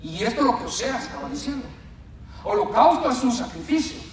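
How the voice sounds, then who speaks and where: A man preaching a sermon in a church, telling stories in a lively way and often calling his listeners brother. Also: very high-pitched, brisk, far from the mic. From Latin America. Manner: storytelling, animated, addresses listeners as brother. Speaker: pastor. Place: church hall. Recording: echoey hall mic, speaker off-mic at times.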